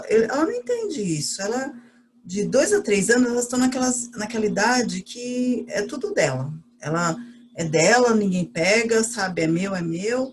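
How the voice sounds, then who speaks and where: A woman casually and patiently explaining child behavior, with conversational fillers. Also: medium pitch.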